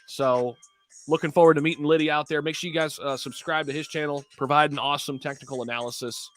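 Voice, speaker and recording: A man's voice: on the high side, fairly even intonation, fast, fairly bright tone, soft background music. A man hosting a casual crypto livestream, talking to viewers in hyped, slangy crypto bro style.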